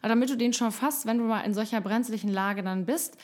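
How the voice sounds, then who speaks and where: Chatty woman giving coaching advice. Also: brisk. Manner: chatty, frequent fillers and self-corrections; acts out calm firm replies in lowered voice. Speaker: advice coach on handling bullying. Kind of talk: casual spoken advice talk to the viewer.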